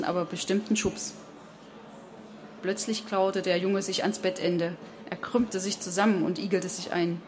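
A woman narrating an audiobook in an even, measured storytelling manner. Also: fairly low pitch, a little hiss or hum. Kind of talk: audiobook reading.

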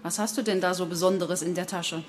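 A woman reading an audiobook, voicing a tired male police officer who speaks calmly and firmly. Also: on the low side, brisk, a little hiss or hum, lightly acted.

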